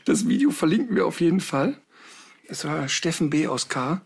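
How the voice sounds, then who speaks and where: A man's voice: a little high, normal speed, gravelly, slightly rough. A man, a dog trainer talking in a casual podcast chat, telling stories animatedly with rambling asides.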